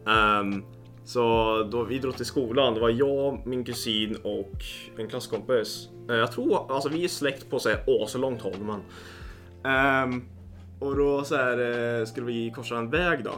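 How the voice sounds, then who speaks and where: Swearing, excitable young man telling stories. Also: medium pitch, faint music behind. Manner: excitable storyteller, swears a lot, lots of fillers. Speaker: podcast co-host. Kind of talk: casual podcast chat, storytelling.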